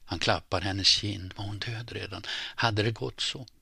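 A man reading a story aloud in measured scripted narration, often dropping to a hushed near-whisper. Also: lowish voice, fairly even intonation, creaky, husky, no echo. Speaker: audiobook narrator.

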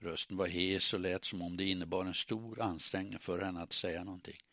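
A man reading an audiobook aloud in steady, measured narration. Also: sits low, no echo, clean studio sound.

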